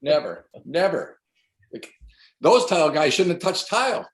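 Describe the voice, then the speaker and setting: A man's voice: on the high side, big pitch swings, a little slow, roomy sound. A man in the shower door trade, chatting emphatically and repeating himself for effect. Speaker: shower door installer on a panel. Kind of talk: casual shop talk.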